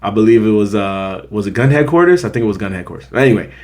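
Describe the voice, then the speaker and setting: A fast-talking American man with a lowish, somewhat mellow, expressive voice hosts a film review show. He gives a casual, opinionated movie review to camera, speaking emphatically and repeating his points to drive them home.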